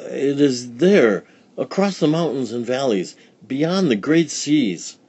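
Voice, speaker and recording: A man's voice: mid-range voice, expressive, slow pace, darkish tone, breathy edge, pitched above the performer's own voice, exaggerated voice. A man voicing a flustered old village woman. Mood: helpful.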